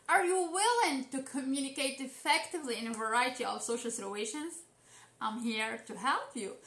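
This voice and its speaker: A woman's voice: high-pitched, a bit bright, reverberant. A young woman from Tunisia who teaches English, introducing herself to camera in an earnest, motivational way from an indoor room. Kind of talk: scripted self-introduction to camera. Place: indoor room, seated in office chair.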